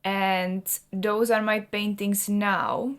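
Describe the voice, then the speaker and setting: A woman's voice: mid-range voice, little pitch movement, very slow. A woman in her thirties from the Czech Republic, a native Czech speaker, talking to camera in earnest and rambling fashion with many restarts. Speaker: artist and vlogger. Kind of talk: personal talk to camera.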